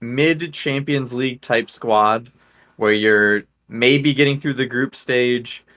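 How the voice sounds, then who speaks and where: A man with an ordinary middle-pitched voice hosts a casual sports podcast. He lines up each topic and tosses questions to his co-hosts. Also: slow, fairly bright tone. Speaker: podcast host.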